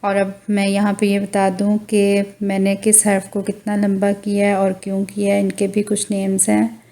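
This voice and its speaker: A woman teaching Quran recitation, drawing out each letter name slowly and patiently explaining with a Pakistani Urdu accent. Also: mid-range voice, completely flat delivery, dark tone. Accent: Urdu-speaking, Pakistani. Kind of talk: slow recitation lesson, drawn-out letter names.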